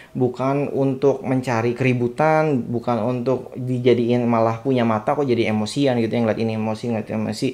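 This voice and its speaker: A young man tells a personal story in a relaxed, conversational way. He sounds reflective and talks straight to his viewers, with a voice of ordinary, mid-range pitch. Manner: chatty, reflective, addresses viewers as "sob". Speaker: satellite dish installer and channel host. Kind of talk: casual storytelling vlog.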